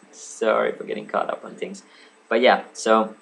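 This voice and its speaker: At home in a lamp-lit room, a late-teen native Swedish speaker vlogs to his webcam, rambling casually with plenty of ums, asides, and apologies. His voice is lowish, creaky, and a bit bright, delivered flatly and slowly, and the audio quality is poor.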